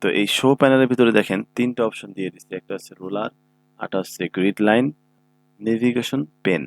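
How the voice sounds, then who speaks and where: Talking fast in a lowish voice, a male computer instructor walks viewers through a screen-recorded tutorial using his own mic. He's patient with every step and checks often that people are keeping up.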